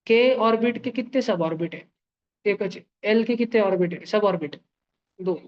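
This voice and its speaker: A male chemistry teacher explains in a playful, animated way, acting out ideas with sound effects and homely comparisons. He keeps turning to his students with quick questions. The recording is dull and lo-fi. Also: high voice. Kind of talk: live online class lecture.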